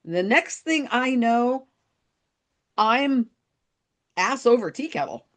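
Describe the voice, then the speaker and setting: A woman's voice: on the high side, expressive, slow pace. A middle-aged woman co-hosting a podcast, telling a story in casual chat and laughing at herself. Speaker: podcast co-host.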